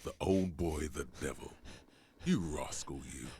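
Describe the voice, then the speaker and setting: A gravelly, sly inner voice. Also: male voice, rumbling low, mellow, exaggerated voice. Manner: slow, teasing, conspiratorial. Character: deep gravelly male inner voice, tempting and sly. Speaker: game narrator and inner voice. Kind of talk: scripted game narration.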